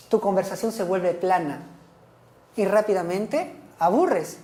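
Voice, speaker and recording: A woman's voice: medium pitch, darkish tone, echoey room. A woman teacher giving a recorded class lecture, explaining points and often checking in with her listeners. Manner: instructive, asks frequent checking questions like "¿ok?" and "¿sí?"; repeats and rephrases key points.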